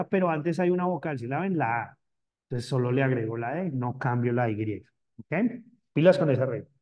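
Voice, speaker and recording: A man's voice: mid-range voice, a little mellow, highs cut off. Man teaching English grammar in two languages. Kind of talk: bilingual grammar lesson.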